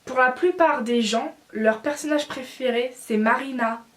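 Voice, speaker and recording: A woman's voice: high voice, unhurried. A young woman in a casual opinion vlog, talking bluntly and with feeling, with many fillers. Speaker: vlogger.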